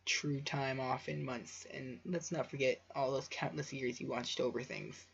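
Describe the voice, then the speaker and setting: A man's voice: medium pitch, fairly even intonation, a little slow, gravelly, fairly bright tone. A man voicing a caring younger-sister pony princess in a storybook reading, earnest and reassuring with some stumbles. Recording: muffled lo-fi home recording.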